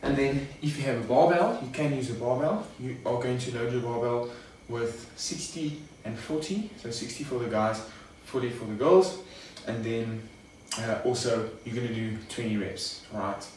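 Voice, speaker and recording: With a medium-pitched, slightly mellow voice, a young male fitness coach talks at normal speed with hardly any pauses, casually instructing "guys" through a workout demo. The garage home gym echoes, and the camera a few metres away leaves the sound distant with faint noise.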